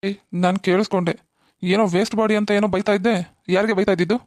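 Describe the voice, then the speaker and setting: A playful young man from a cartoon, voiced by a performer teases and cajoles in a middle-pitched voice. The recording is dry and close. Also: steady tone, rapid-fire, no echo, lightly acted. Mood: teasing. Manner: teasing, cajoling. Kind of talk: cartoon voice acting.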